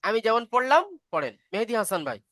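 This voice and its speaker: A woman's voice: on the high side, sing-song, fast, fairly bright tone, no echo, studio quality. A woman teaching a beginner reading class online, patiently explaining step by step and asking if students follow.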